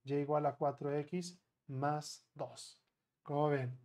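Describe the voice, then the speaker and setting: Mellow-voiced Mexican math teacher. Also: male voice, on the high side, fairly even intonation. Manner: chatty, asks the class many quick questions; counts out steps slowly. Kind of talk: live online math class.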